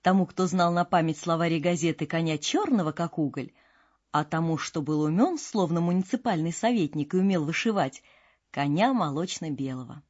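Husky woman reading a fairy tale. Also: low-pitched, moderate pace. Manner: expressive, storybook delivery. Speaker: narrator. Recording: dull lo-fi with faint music.

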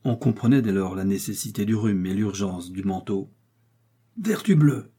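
A man narrating an audiobook of a classic novel in a measured, deliberate way. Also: sits low, steady tone, warm tone.

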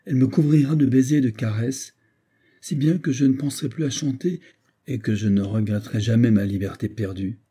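Proud young horse thief, read by a man, solemn and declaiming, dark husky tone, audiobook story. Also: medium pitch, fairly quick, natural voice.

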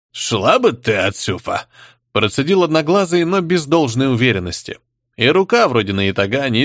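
Lively male audiobook narrator, dry sound. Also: medium pitch, no room sound. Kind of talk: scripted narration.

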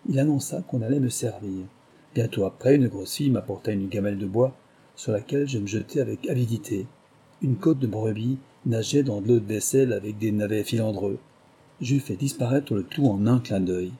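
A man reading a memoir aloud in measured, scripted storytelling narration. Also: lowish voice, dark tone, slightly rough. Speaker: audiobook narrator.

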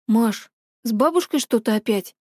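A woman's voice: a little high, lively intonation, moderate pace, a little mellow, no echo, clean studio sound. A woman voicing a jealous teenage schoolgirl in an audiobook, who speaks in a cold, accusing way. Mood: tense.

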